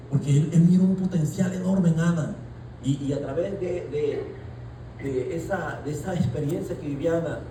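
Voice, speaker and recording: A male pastor preaching a sermon, shouting at peaks and dropping into casual asides. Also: a little high, slight background noise. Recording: echoey room, voice from far off.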